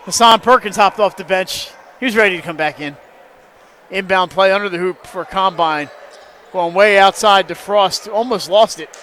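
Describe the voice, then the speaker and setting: A man calling live high school basketball play-by-play, quick and jokey, his voice jumping up on big plays. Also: sharp tone, slight background noise. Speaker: play-by-play announcer.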